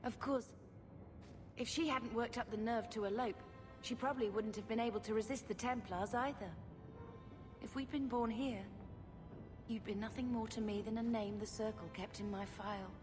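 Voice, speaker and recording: An actress playing a gentle, earnest young mage, a devoted younger sister, in a video game. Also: female voice, a little high, steady tone, moderate pace, natural voice. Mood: wistful. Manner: earnest, wistful. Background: game music.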